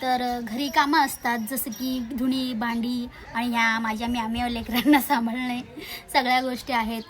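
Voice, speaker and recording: A woman's voice: a little high, flat delivery, normal speed. A young woman from Maharashtra, India, chatting in a casual village vlog, talking to her viewers and cheering on and scolding her animals. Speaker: vlogger.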